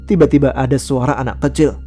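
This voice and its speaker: A man narrating a true-life mountain horror story in a steady, even reading voice. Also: medium pitch, fast talker. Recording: faint background music.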